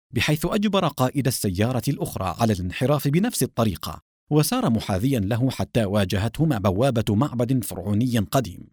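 A man's voice: medium pitch, darkish tone, husky, no room sound, studio quality. A man giving dramatic, scripted narration of a children's adventure story.

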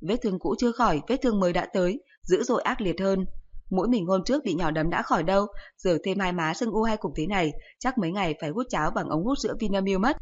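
A woman narrating a first-person comic story in a lively, self-pitying storytelling manner. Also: mid-range voice, quick pace, muffled recording.

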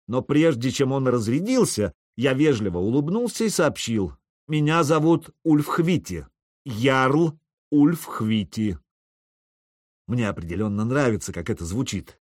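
A man's voice: medium pitch, a little mellow, no room sound, studio quality. Wry male audiobook narrator. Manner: wry, ironic. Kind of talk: first-person audiobook narration.

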